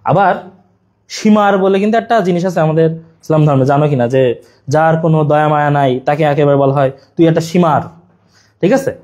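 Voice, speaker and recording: A man's voice: a little high, quick pace, darkish tone. A young man, teaching an exam-prep lesson in a chatty way and using playful memory tricks.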